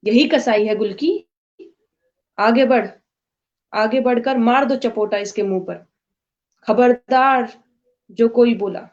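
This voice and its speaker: A woman's voice: a little high, unhurried, close to an everyday voice. A woman voicing a fierce, scornful village woman who barks commands, on a dull lo-fi recording. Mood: furious. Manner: commanding, shouting orders.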